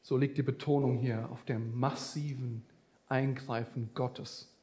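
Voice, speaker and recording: A man's voice: medium pitch, fairly even intonation, measured pace, darkish tone, roomy sound. A man preaching a sermon, speaking animatedly with vivid comparisons and addressing the listeners directly.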